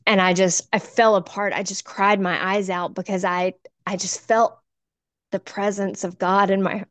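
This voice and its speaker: A woman's voice: medium pitch, little pitch movement, moderate pace, a bit bright, no room sound. Earnest woman telling her testimony. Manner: earnest, emotional, gets choked up. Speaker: church volunteer guest. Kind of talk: personal testimony storytelling.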